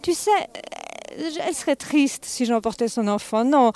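A sly, unhurried male devil from a storybook tale, voiced by a woman, turning things over aloud and circling back on his own words. His voice sits a little high and stays soft rather than loud. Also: expressive. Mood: pondering. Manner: musing, repeats himself softly.

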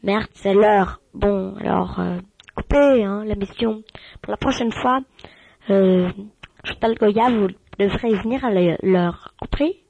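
A woman's voice: mid-range voice, takes it slowly, creaky, a little mellow, breathy edge, highs cut off. A woman hosting a mock radio show in an improvised comic sketch, scolding and swearing with many "hein" fillers.

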